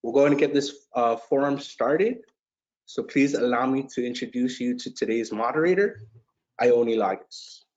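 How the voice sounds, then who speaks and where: A man's voice: medium pitch, moderate pace, a little mellow. A man hosting a forum, giving a polite scripted welcome. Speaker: host. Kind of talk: formal welcome address. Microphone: video call. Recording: dull lo-fi video call audio.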